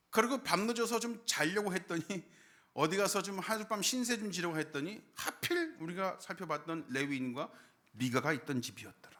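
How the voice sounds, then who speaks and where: A man delivers a Sunday sermon from a church sanctuary, pitched somewhat high for a man. His voice leaps up on key points and sinks low at the ends of phrases. He keeps putting rhetorical questions to the congregation. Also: pushed and bright. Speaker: pastor.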